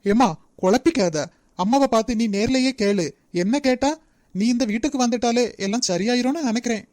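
A woman's voice: on the high side, fairly quick, dark tone, no echo, clean studio sound, close to an everyday voice. A woman voicing a stern, protective young man in a cartoon, speaking firmly with a Nagercoil Tamil accent. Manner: firm, commanding. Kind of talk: cartoon voice acting.

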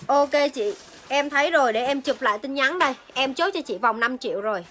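High, bright young woman selling live. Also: expressive, fairly quick, slight background noise. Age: young adult. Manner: repeats phrases while addressing viewers. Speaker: livestream seller. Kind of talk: casual live sales chat. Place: indoor beauty shop room. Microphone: phone at arm's length.

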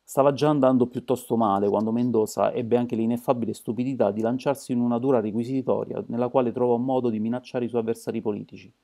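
Male narrator for an amateur audiobook, measured reading, dark gravelly tone. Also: medium pitch, fairly even intonation.

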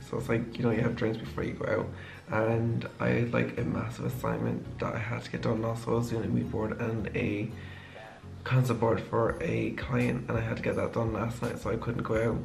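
A man's voice: mid-range voice, gravelly, a little mellow. A tired young man, a design student, rambling casually through a story from his home kitchen, with lots of "like". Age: young adult. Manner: rambling, heavy use of "like". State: tired from lack of sleep.

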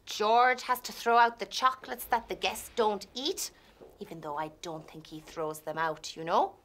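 An actress playing a put-upon hotel worker who complains chattily about throwing out food in a scripted comic sketch. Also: female voice, mid-range voice, measured pace, a bit bright, a little hiss or hum, close to an everyday voice. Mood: grumbling.

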